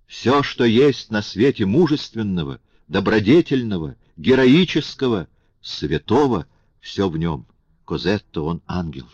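A man's voice: fairly low pitch, sing-song, measured pace, darkish tone, breathy edge, no room sound, full character voice. A man voicing a fervent young man, raised and impassioned. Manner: impassioned, exclaiming, pleading. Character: young man, passionate, grateful, indignant. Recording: dull lo-fi audiobook recording.

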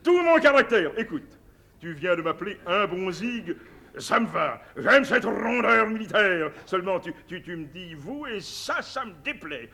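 A blustering old army general in a 1950s operetta broadcast. His voice sits high and leaps about widely, with a bright, forceful edge. He booms orders, then stammers when flustered. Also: expressive, a little slow, vocal fry, heavily acted. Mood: fond. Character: blustering old army general, gruff but soft-hearted. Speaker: operetta singer-actor. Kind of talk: 1950s radio operetta acting. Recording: 1953 concert broadcast.

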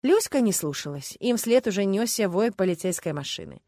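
A woman narrates an audiobook with lively, ironic storytelling. Her pitch sits in the middle of the range. The recording is dry and close, with no room sound. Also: brisk, no room sound. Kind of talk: scripted narration.

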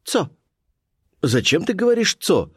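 A strange, mysterious young woman, as a male reader puts her on, with a high voice and clipped, broken phrases. She sounds teasing and elusive, with pitch that swings widely. The sound is close and dry, with no room echo. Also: sing-song, unhurried, slightly rough, heavily acted.

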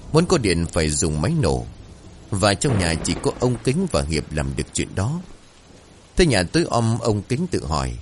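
A man's voice: deep voice, slight background noise. A man narrating a horror story in a dramatic, suspenseful way.

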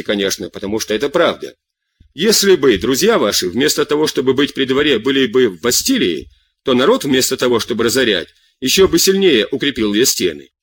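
A man's voice: mid-range voice, no echo, lightly acted. Man reading as a cool, sardonic king. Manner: cool, sardonic, lectures at length. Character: calm stubborn middle-aged king, dryly ironic. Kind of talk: audiobook reading.

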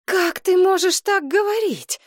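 Give me a woman doing a shrill, pleading widowed mother. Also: big pitch swings, normal speed, no echo, studio quality. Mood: upset. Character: anxious, easily upset widowed mother. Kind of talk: audiobook character reading.

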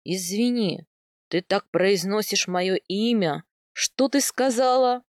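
A woman reading aloud, voicing a playful young steppe husband in a lowered, eager, teasing voice. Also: takes it slowly, no room sound, studio quality, lightly acted.

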